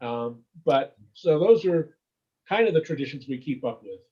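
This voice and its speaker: A husky, mid-range American male voice rambles warmly and animatedly at a normal speed in a casual interview, tagging sentences with "okay?" and "you know?". The recording has its highs cut off.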